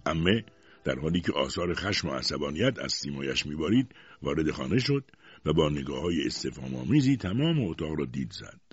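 Deep husky male storyteller. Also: no room sound, faint music behind. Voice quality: expressive, dramatic storyteller. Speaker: narrator. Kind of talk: audiobook narration. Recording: dull lo-fi dry recording.

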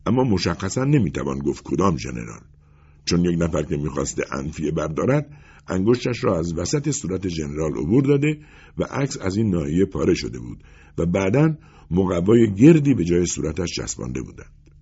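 A man reading a literary story aloud as narrator, in a measured storytelling way. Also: low-pitched, very animated, dark tone, breathy edge. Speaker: audiobook narrator. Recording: dull lo-fi recording.

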